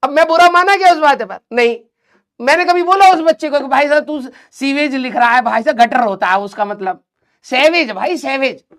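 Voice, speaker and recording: A man's voice: extremely high pitch, a little fast, a bit bright. A man teaching a live online class, chatty and teasing, joking with his students between lessons. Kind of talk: casual live-class banter.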